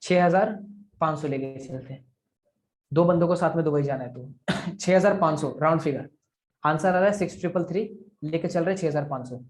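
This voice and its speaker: A man's voice: fairly high pitch, brisk. Male sales mentor, live online class, coaching tone, works through sums aloud over a video call. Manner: coaching, repeats figures aloud, asks "ठीक है?". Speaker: affiliate marketing sales trainer. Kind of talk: live online training session.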